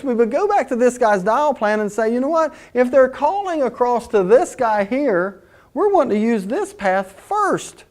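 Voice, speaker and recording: A man's voice: high voice, darkish tone. A middle-aged man teaching a technical class in a conversational way, telling anecdotes and asking rhetorical questions. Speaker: instructor. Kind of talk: technical lecture.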